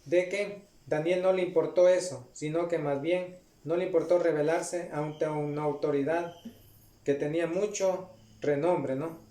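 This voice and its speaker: A man's voice: on the high side, fairly even intonation, dark tone. A man preaching a Bible study, reading passages aloud and checking in with his listeners as he goes. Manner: frequent "¿no?" and "ya" tags, unhurried. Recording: echoey room.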